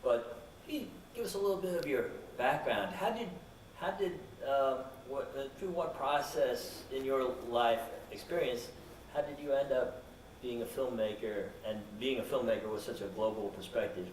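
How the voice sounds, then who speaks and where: A man interviewing a filmmaker at a festival, asking long questions in a halting way with many restarts. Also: medium pitch, slight background noise. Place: film festival event. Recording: roomy, distant, faint background ambience.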